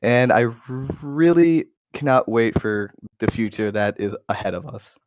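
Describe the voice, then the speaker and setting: Through a low-quality gaming microphone, a twenty-something American co-host of a gaming podcast talks casually, stuttering now and then. His medium-pitched voice is expressive and unhurried, with a clean tone, though the recording is dry and the highs are cut off.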